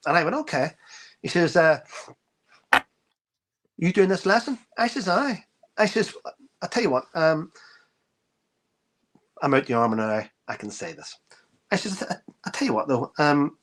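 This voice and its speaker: A middle-aged army veteran telling an anecdote in casual talk, acting out the dialogue, with many restarts. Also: male voice, fairly high pitch, fairly bright tone. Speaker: author and army veteran guest. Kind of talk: casual spoken storytelling.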